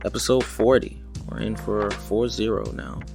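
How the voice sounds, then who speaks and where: Male podcast co-host, casual and teasing, fry in the voice, clear music behind. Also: fairly low pitch, very animated, moderate pace. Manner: teasing, informal, profane.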